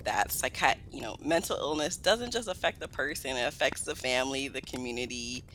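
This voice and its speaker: A woman's voice: rumbling low, a little fast, a little hiss or hum, rough recording. A woman in her thirties from Guyana and Brooklyn, a psychiatrist speaking as a podcast guest in an upbeat, good-humored way. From Guyana, raised in Brooklyn, New York. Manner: upbeat, lively, laughs easily. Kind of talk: podcast interview.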